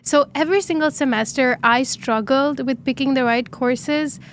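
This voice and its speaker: A young woman from Dubai tells how her startup began, talking earnestly in long, animated stretches full of "um"s and "right?"s. Her voice sits on the higher side, and a faint hiss runs under the recording. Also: moderate pace. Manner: earnest, animated storytelling with many fillers. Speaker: startup founder guest. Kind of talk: interview conversation.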